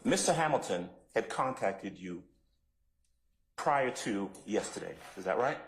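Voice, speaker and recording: A man questioning a witness as a defense attorney in court, putting pointed leading questions in deliberate phrases. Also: on the low side, lively intonation, slight background noise. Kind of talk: courtroom cross-examination. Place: courtroom, indoors. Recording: echoey courtroom sound.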